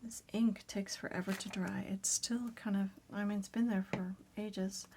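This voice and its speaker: Soft-spoken woman with a raspy, gravelly voice. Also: mid-range voice, steady tone, normal speed, noisy background. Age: adult parent. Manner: soft-spoken, often drops to a whisper. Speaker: crafting video host. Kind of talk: casual crafting chat.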